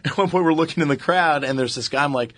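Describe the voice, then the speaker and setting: A man in casual chat, telling stories in an excited way with many restarts and fillers. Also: on the high side, fast, no room sound.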